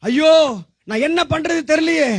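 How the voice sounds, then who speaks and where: A man playing a gloating evil spirit who boasts slowly and menacingly about tempting a young believer in a church skit. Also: very high voice. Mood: gloating menace. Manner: slow, menacing boasts with laughter.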